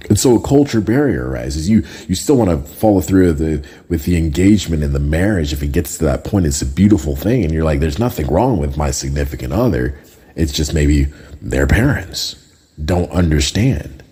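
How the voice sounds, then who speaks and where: A man born in Jamaica, hosting a podcast in a casual, conversational way and often tagging his points with a quick question. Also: extremely low pitch, lively intonation, warm tone, breathy edge. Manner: conversational, often tags lines with "right?". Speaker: podcast host. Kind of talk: casual solo podcast talk.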